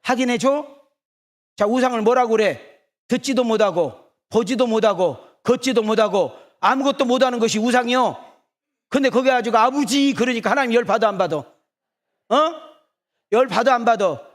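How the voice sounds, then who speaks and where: A middle-aged male pastor preaching in a church, teasing the congregation with rapid rhetorical either-or questions. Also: very high-pitched. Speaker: senior pastor. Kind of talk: sermon.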